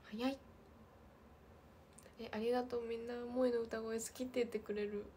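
A woman in her twenties with a light lilt, chatting casually on a livestream and reading viewer comments, often slipping into soft half-whispers. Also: a little high, level tone, normal speed, a little hiss or hum. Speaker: idol livestream host.

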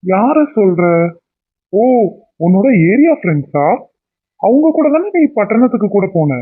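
A man's voice: high voice, sing-song, unhurried, slightly rough, exaggerated voice. A man voicing a young cartoon husband who pleads and makes up with his wife in an affectionate way. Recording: tinny phone-like sound.

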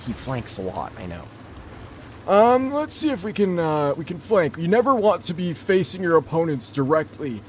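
A man doing an excitable old tank gamer in a strained high put-on voice, coaching viewers and exclaiming loudly during live-stream gameplay commentary. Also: moderate pace, slight background noise.

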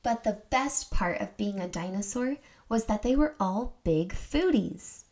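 Her voice fairly high and marked by vocal fry, a young woman hosts a children's read-aloud. She reads the storybook expressively, deliberately and with plenty of exclamation.

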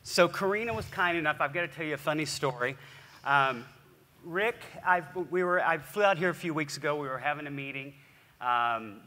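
A man's voice: on the high side, bright, forceful tone. A man in his forties hosting an onstage interview, chatty and enthusiastic, with frequent restarts. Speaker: host. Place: large conference stage. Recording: hall reverb from a stage.

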